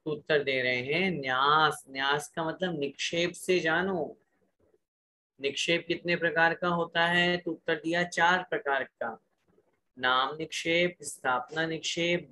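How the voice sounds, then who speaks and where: A man leads a scripture class at a slow, deliberate pace, his voice bright and somewhat high. He recites each phrase carefully and pauses so his students can repeat it after him. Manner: drills pronunciation word by word, asks class to repeat aloud. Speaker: teacher of Jain scripture.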